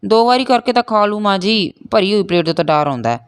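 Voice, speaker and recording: An earnest young village son, respectful toward his parents, read by a woman doing the part. He speaks up high and loud. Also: lively intonation, fast, smooth, close to an everyday voice.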